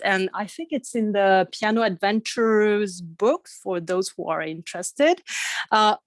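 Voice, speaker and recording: A woman's voice: a little high, no room sound. A woman teacher speaks unhurriedly over a video call, stopping and restarting her sentences with plenty of "uh" and "like". The sound is close and dry, with no room around it. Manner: halting, many fillers and restarts, sings snatches of a children's song. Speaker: music teacher. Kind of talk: casual presentation in a video call.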